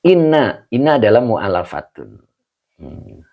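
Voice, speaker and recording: A man's voice: fairly low pitch, very animated, a little slow, creaky, muffled recording. A man teaching Arabic grammar in an online class, greeting viewers by name between his explanations.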